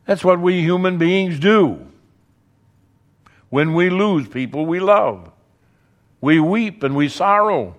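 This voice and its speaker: A man preaching a sermon, earnest, building emphasis through repetition and dropping softly on key words. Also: sits high, animated, takes it slowly, long pauses.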